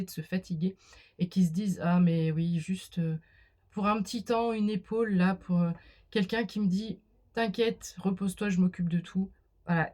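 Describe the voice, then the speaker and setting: A woman gives a relaxed spoken card reading in a slightly low voice. She talks directly to the listener and often stops and restarts mid-thought with fillers. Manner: addresses viewer directly, many fillers and restarts. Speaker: card reader. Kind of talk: casual spoken tarot reading.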